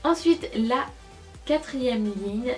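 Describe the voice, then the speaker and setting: A woman's voice: a little high, lively intonation, drawn-out words, faint music behind. A young woman reviewing a makeup palette for her channel in a casual, enthusiastic way, often repeating words for emphasis. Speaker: beauty vlogger.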